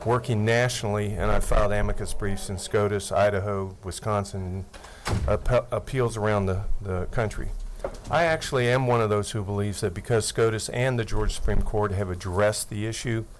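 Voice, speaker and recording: Seated at a table microphone, a man in his sixties who works as an attorney testifies methodically to a legislative committee, reading out legal wording with earnest care. He speaks at normal speed with few pauses, in a fairly low voice with fairly even intonation, against slight background noise.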